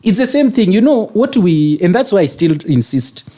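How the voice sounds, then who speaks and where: Male political commentator, Kenyan accent, moderately high pitch, relaxed mellow timbre, measured argumentative delivery with formal vocabulary. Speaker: political panelist. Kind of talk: political discussion, opinion.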